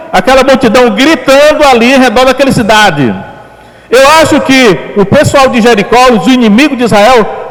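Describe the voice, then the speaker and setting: A man preaching a sermon as pastor, talking in a conversational way and often tagging his sentences with a quick question. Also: extremely high pitch, fairly bright tone. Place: church hall. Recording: long hall reverb.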